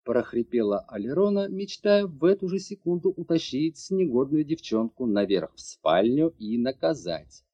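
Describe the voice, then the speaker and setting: A man's voice: on the high side, lively intonation, moderate pace, warm tone, husky, dry recording. A man reading a fantasy audiobook as narrator, storytelling expressively. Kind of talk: scripted narration. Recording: dull lo-fi audiobook recording.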